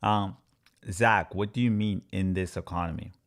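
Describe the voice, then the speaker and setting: A man's voice: deep voice, steady tone, moderate pace. A man from Congo, a crypto trading educator, answering viewers' chat questions on a live stream with emphatic repetition and step-by-step chart talk.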